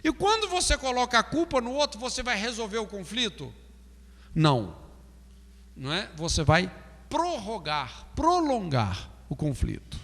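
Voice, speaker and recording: A man's voice: high voice, wildly swooping pitch, a little slow, a bit bright, in a large hall. A Brazilian man teaching a pastoral counseling class, asking "não é?" often and acting out example phrases. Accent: Brazilian Portuguese. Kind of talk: classroom lecture.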